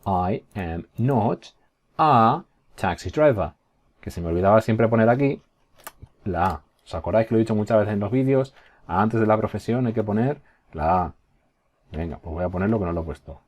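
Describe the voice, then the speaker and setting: Low mellow-voiced male teacher. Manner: patient, slow model phrases with frequent check-ins. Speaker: English teacher. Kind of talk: recorded online class.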